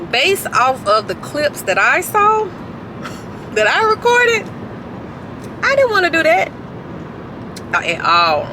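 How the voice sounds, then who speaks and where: A young woman vlogging about fitness, talking casually to the camera from a car in a relaxed, chatty way with plenty of fillers. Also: on the high side. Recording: traffic noise from outside.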